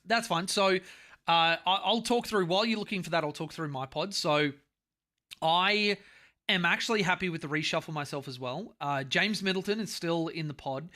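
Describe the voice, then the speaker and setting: An Australian man hosts a relaxed gaming podcast, talking in a bright, forceful voice that sits a little high for a man. He is animated and drops casual swearing as he chats over a call. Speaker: podcast host.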